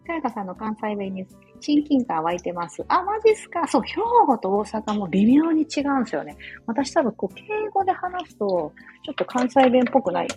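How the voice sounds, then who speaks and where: A woman's voice: fairly high pitch, sing-song, fairly quick, few pauses, warm tone, slightly rough, faint music behind, poor audio. Rambling, chatty woman from Osaka. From Osaka, Japan. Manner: rambling, chatty, many fillers, apologetic asides. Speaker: live audio stream host. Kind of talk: casual chat while cooking, reading listener comments. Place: home kitchen.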